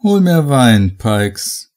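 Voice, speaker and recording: A man voicing a sly, scheming host in a horror audiobook, his voice raised and excited. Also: mid-range voice, very slow. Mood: commanding. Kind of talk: audiobook character voice.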